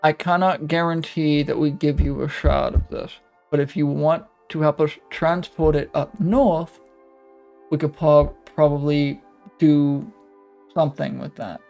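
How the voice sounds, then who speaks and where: A man's voice: on the high side, steady tone, measured pace, vocal fry, a little mellow, soft background music. A man in his twenties voicing his character in a tabletop game, often stammering and exasperated. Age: 20s. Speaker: player. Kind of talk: casual in-character play.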